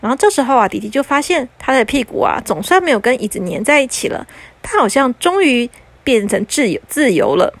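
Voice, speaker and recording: A woman narrating a bedtime story for children in a gentle, lilting way. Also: fairly high pitch, sing-song, creaky, no room sound. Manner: gentle, lilting with drawn-out particles.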